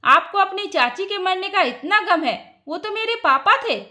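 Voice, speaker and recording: A woman's voice: very high voice, expressive, measured pace, bright, forceful tone, full character voice. A woman voicing a grieving young daughter-in-law who speaks reproachfully to her mother-in-law. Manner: pointed, reproachful.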